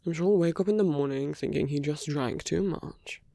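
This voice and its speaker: In this romantic audio roleplay, a lightly acted, seductive and smug villain voiced by an ASMR performer speaks close and dry at normal speed, with a mellow, mid-range voice full of gravelly fry and no room sound. The tone is amused and mocking, the drawl intimate and teasing, sliding from breathy murmurs into frequent whispers.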